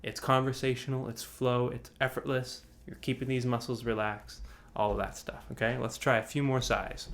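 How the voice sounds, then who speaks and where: A male vocal coach on a video call delivers his online lesson on breath support in a flat, slightly bright mid-range voice at normal speed, with hardly any pauses. His phrasing is rambling and full of restarts. He demonstrates sighs and sung examples throughout.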